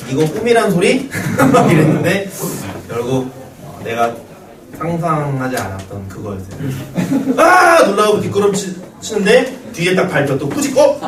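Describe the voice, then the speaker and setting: A man teaches math to a class, bantering with students and telling stories between points. His voice is on the high side and very animated at a normal speed, picked up by a distant mic with roomy classroom echo and crowd noise.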